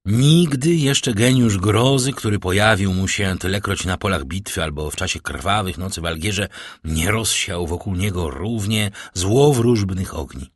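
A man reading an audiobook aloud in a measured, dramatic way. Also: deep voice, husky, no room sound, studio quality. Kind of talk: audiobook narration.

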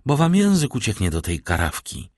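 A man reading an audiobook, voicing a gentle, anxious young woman. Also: fairly low pitch, huge pitch swings, normal speed, no room sound, studio quality. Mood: tender.

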